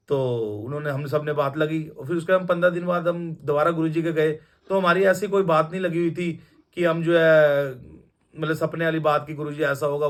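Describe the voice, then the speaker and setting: This young adult man, a devotee, offers his testimony as loose, casual storytelling, breaking off and beginning again often and leaning on fillers. His voice pitches somewhat higher than most men's.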